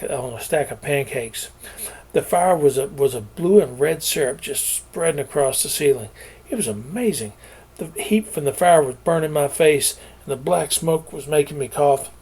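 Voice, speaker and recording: A man's voice: on the high side, a little mellow, slightly rough. A middle-aged man, reading his own novel aloud and telling its backstory in a folksy way. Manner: folksy storytelling with homespun sayings. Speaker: author.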